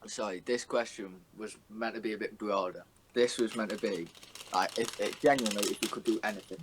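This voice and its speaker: A young man talks in a lowish voice, chatting casually on a podcast. He jokes around with his friends, swears easily and goes into long explanations. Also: steady tone, a little fast, slight background noise, low-quality recording. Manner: bantering, sweary, explains at length. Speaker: podcast co-host. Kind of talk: casual chat.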